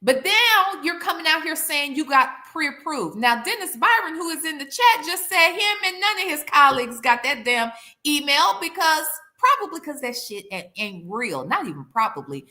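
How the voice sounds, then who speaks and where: A YouTube content creator hosts a call-out commentary for her live chat, delivering a smug, sarcastic exposé that is mocking and incredulous, with phrases repeated for emphasis. Her voice is high, sing-song, pushed and bright, at normal speed.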